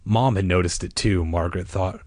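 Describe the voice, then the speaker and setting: A man's voice: sits low, fairly quick, a little mellow, dry recording, studio quality. A man reading a children's book aloud in a playful way, tossing in wisecracks between passages. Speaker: reader.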